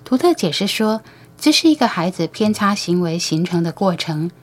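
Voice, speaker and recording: A woman reading an audiobook story aloud in steady, even scripted narration. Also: on the low side, normal speed.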